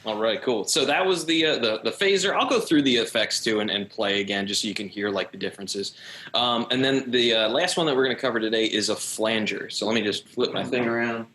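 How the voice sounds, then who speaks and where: A man's voice: mid-range voice, brisk, sharp tone, roomy sound. A man demonstrating guitar pedals in an easygoing way, hesitant and full of fillers, on a video call. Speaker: guitar teacher.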